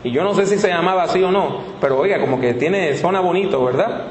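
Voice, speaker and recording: High-voiced folksy preacher man. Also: fast. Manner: animated, folksy, rhetorical questions. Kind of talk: storytelling sermon. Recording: echoey hall, faint room noise.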